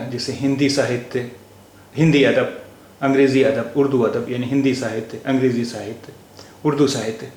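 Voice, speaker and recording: A man teaching a language lesson, spelling out letters and repeating each word slowly and deliberately. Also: medium pitch. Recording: echoey room with faint noise.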